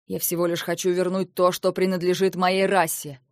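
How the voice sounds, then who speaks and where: A woman reading an audiobook, voicing a stern, proud male warlord who speaks in a low, measured, domineering way. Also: little pitch movement, no room sound, studio quality, lightly acted. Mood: calm, insistent. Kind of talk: audiobook dialogue.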